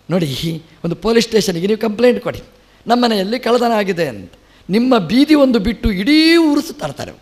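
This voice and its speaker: His voice sits high as he, a middle-aged religious teacher, offers a spiritual discourse. He narrates a scripture story, acting out the quotes and letting his emphasis rise.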